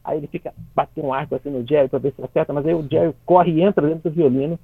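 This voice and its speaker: Gravelly Brazilian man on a phone line. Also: on the high side, steady tone, racing, no room sound. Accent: Brazilian Portuguese. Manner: chatty, many restarts and tag questions, laughs while explaining. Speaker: conductor explaining classical music in cartoons. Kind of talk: casual radio chat. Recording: dry tinny phone line.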